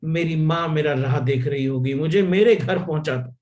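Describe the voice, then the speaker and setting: A man's voice: fairly high pitch, normal speed, a little mellow, muffled recording, close to an everyday voice. A man voicing a drunk, desperate man who keeps pleading to be taken home, in a spiritual storytelling talk. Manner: pleading, repetitive cries.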